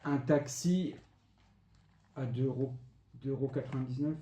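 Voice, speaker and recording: A man's voice: mid-range voice, a little slow, dark tone. A man casually showing off retro video games he bought, listing the prices with lots of fillers. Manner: chatty, lists items and prices with many fillers. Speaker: retro game collector vlogger. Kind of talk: casual show-and-tell of purchases. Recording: echoey room, faint background noise.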